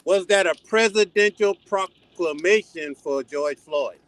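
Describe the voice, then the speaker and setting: A man calling in over a connection that breaks up and cuts out, his words halting and repeated through the dropouts. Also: sits high, fairly bright tone. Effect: call audio breaking up and cutting out.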